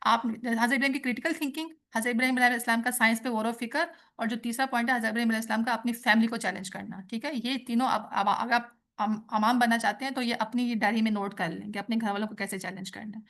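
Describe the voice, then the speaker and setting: A woman's voice: a little high, fairly even intonation, fast, few pauses, fairly bright tone. Woman teaching a religious lecture. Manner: explanatory, mixing in English and quoted Arabic.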